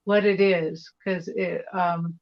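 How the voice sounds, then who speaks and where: A woman's voice: lowish voice, flat delivery, takes it slowly. A woman hosting a live psychic show, chatting casually, with slightly dull stream audio.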